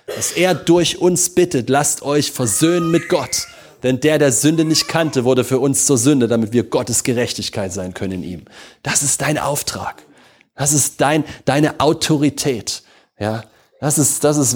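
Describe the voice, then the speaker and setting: A man's voice: mid-range voice, darkish tone. Fervent male preacher. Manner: fervent, repetitive, addresses listeners directly; many restarts and self-corrections. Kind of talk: sermon.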